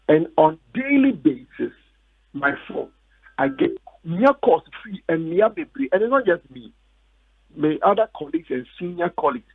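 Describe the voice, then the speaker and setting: A man's voice: a little high, vocal fry, breathy edge, no echo. A Ghanaian man, a cocoa board official, arguing insistently as a phone guest in a heated radio debate. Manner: insistent, repeats words when cut off. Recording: tinny phone line.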